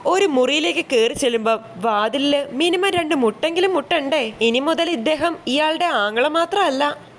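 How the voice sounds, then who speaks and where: A woman's voice: high voice, animated, normal speed, slight background noise. A woman voicing a haughty, scolding young wife. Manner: condescending, lecturing.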